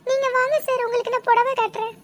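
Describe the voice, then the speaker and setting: A woman's voice: level tone, fast talker. A woman voicing a poor, polite young woman working as a shop assistant in a cartoon. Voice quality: very high, girlish cartoon voice. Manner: polite, deferential. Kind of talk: cartoon dialogue.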